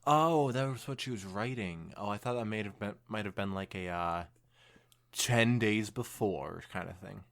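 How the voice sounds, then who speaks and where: A podcast co-host with a fairly low, slightly bright voice reads fan fiction aloud at normal speed. His dramatic, expressive reading has some stumbles and slips into casual chat.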